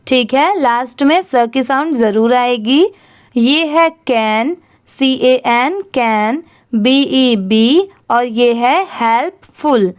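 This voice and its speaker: Indian woman as reading teacher: high, smooth voice, unhurried letter-by-letter spelling, quizzes then answers herself. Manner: spells words letter by letter, then asks and answers how to pronounce them. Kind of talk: slow spelling-out reading lesson.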